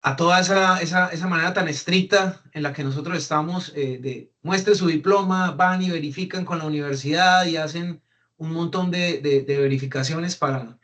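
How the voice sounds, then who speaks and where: A man's voice: a little high, fairly even intonation, brisk, bright, forceful tone. A man from Peru with a Peruvian Spanish accent, casually explaining, often repeating words as he searches for phrasing. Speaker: reliability engineer sharing migration experience.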